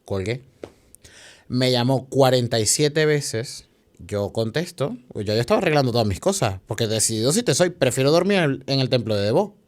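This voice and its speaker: A man's voice: mid-range voice, animated, brisk. A young man from Venezuela with a Venezuelan Spanish accent, a podcast guest telling a personal story emotionally, with many restarts and asides.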